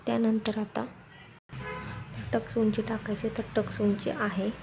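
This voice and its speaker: A woman giving a step-by-step sewing tutorial, speaking softly and quietly at night, repeating steps as she goes. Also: fairly high pitch, level tone, measured pace, vocal fry, music in the background. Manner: instructional, repeats steps and measurements.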